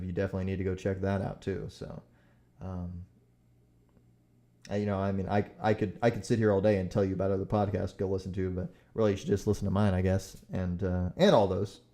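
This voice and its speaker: A man's voice: lowish voice, dark tone. A young man hosting a solo podcast, rambling with many fillers, swearing and getting heated as he talks. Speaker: podcast host.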